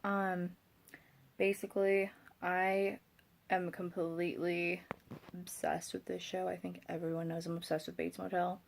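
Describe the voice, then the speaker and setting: Tired young woman vlogging, kinda low creaky voice, slightly thick swollen-tongue speech, rambles and hesitates. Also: little pitch movement, unhurried, a little hiss or hum. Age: young adult. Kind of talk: casual chat to camera.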